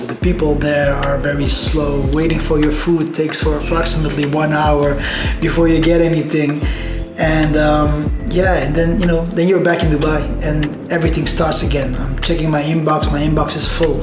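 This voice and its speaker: A relaxed man rambling to camera in an echoey room. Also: on the high side. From Netherlands. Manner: relaxed, rambling, loose non-native phrasing. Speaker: entrepreneur vlogger. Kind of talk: casual vlog talk to camera. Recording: echoey room with music behind.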